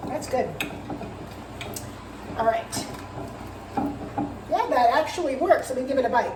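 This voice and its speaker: A woman with a slightly high voice talks casually in her kitchen, rambling a little and filling pauses with ums. There is a faint hiss behind her. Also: lively intonation. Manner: chatty, loose with frequent ums. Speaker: vlogger. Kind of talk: casual home vlog. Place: home kitchen.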